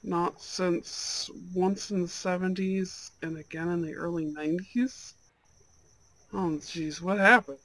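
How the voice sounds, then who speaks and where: In an ASMR date roleplay, a performer plays a charming young Goth gentleman, speaking very slowly and softly at a middling pitch. His phrasing is courteous and slightly old-fashioned, gentle toward an unheard listener, with a curious, uneasy mood. The recording is rough.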